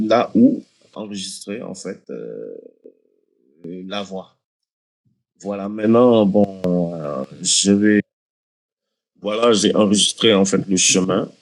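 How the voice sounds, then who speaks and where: A man hosting a casual screen-recording software tutorial, talking viewers through the steps with hesitations and restarts. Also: lowish voice. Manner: hesitant, many fillers and restarts, addresses viewers directly. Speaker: tutorial host.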